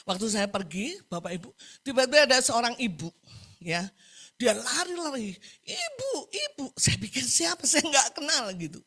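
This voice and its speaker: A woman's voice: a little high, expressive, moderate pace, a bit bright, breathy edge. A woman preaching a sermon over a video call, emphatic, repeating key phrases and asking the congregation for agreement.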